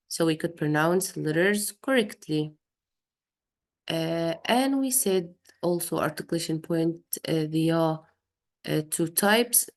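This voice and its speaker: Patient woman with a gravelly low voice. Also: darkish tone. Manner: slow, patient explaining with many fillers; demonstrates Arabic throat sounds. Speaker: Quran recitation teacher. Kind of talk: recorded revision lesson for a student.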